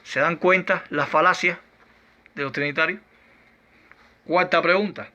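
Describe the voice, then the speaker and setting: A man giving a doctrinal Bible lesson, arguing point by point through numbered rhetorical questions in a slow, emphatic delivery. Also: a little high, steady tone, pushed and bright, highs cut off. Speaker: Bible teacher.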